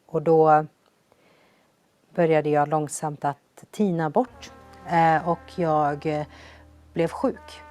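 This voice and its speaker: A young woman with a low voice telling her own life story in an earnest, reflective way, raising her energy when she re-enacts quoted lines. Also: fairly even intonation, pauses often, mellow, soft background music. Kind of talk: personal storytelling testimony.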